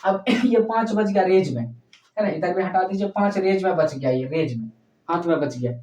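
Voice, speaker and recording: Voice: medium pitch, a little mellow. A math teacher giving a step-by-step lesson, often checking in with the students and calling them "child". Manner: explains slowly, often checks in with "okay?"; addresses students fondly as "child". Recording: echoey room, voice far from mic.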